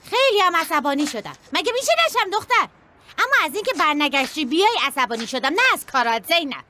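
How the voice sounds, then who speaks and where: A woman's voice: high-pitched, big pitch swings, bright, forceful tone, a little hiss or hum, heavily acted. A woman voicing a blunt, caring aunt who scolds and encourages her niece in a dubbed drama.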